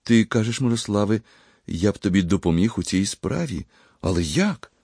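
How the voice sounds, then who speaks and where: A man's voice: fairly low pitch, lively intonation, moderate pace, a little mellow, breathy edge, no echo. A man voicing a proud, bitter young man who speaks in agitated, rising outbursts.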